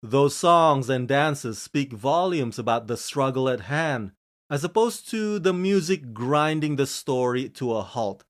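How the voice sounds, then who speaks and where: An Indonesian man who runs his own channel as a film reviewer reads a scripted series review with gushing, emphatic enthusiasm. His intonation is lively and his pace a little slow, with frequent shifts in pitch and speed.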